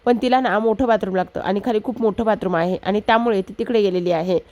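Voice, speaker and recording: A woman's voice: medium pitch, fast talker, warm tone, dry recording, close to an everyday voice. A woman voicing a young husband and master of the house who answers awkwardly and curtly.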